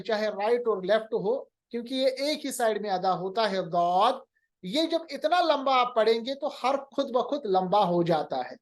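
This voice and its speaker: A man teaching Quran recitation in a recorded lecture, patiently explaining, mixing in English terms and drawing out sounds to demonstrate them. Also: extremely high pitch.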